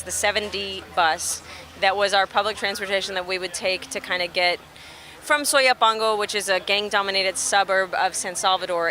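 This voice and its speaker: A young woman from Texas, a musician being interviewed outdoors, telling stories in an animated, chatty way and laughing easily. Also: mid-range voice, a little hiss or hum. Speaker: musician guest. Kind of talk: casual interview chat. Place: outdoors at a festival near traffic.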